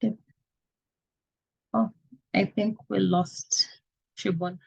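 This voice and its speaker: A woman's voice: mid-range voice, steady tone, very slow, creaky, husky, low-quality recording. A woman moderating an online meeting, politely calling on participants by name. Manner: polite, calls on speakers by name.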